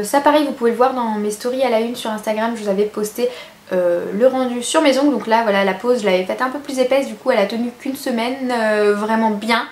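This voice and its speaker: A chatty woman with a fairly high voice talks casually through a beauty haul. She fills her talk with hesitations and restarts. The recording sounds like an echoey room with a faint hiss behind her. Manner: chatty, many fillers and restarts. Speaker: beauty vlogger.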